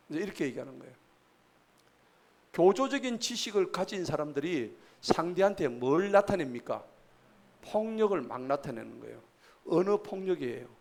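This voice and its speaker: Older male pastor, slightly high voice, folksy joking sermon, quizzes the congregation. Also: gravelly, darkish tone. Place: church service.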